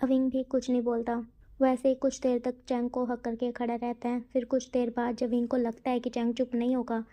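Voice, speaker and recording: A woman's voice: fairly high pitch, dark tone, dull audio. A woman narrating a story in a casual, chatty way, talking straight to her listeners. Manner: chatty, addresses the listeners directly.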